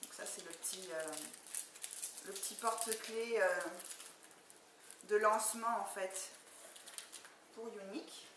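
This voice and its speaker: Female beauty vlogger, chatty and excited, far from the mic in a noisy, echoey room. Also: mid-range voice, slow pace, long pauses. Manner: chatty, enthusiastic, many fillers. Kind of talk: casual product unboxing. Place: indoor room, far from the camera. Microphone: camera mic at a distance. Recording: echoey room, distant mic, background noise.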